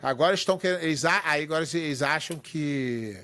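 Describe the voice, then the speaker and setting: Higher-voiced Brazilian man in casual chat. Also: fast talker, fairly bright tone. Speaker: podcast co-host.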